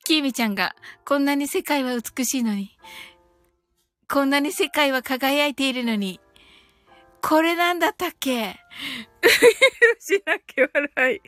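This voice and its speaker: A woman's voice: high-pitched, animated, measured pace, a bit bright, no room sound, faint music behind. A woman hosting a casual live stream, reading listener comments aloud and laughing often. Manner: giggly, reads comments aloud with frequent laughter.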